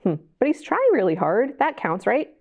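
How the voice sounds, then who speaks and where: Leading a library storytime, a woman reads a picture book aloud with lots of animation, chatting to the young children with questions and little asides. Her voice sits a little high and her pace is moderate.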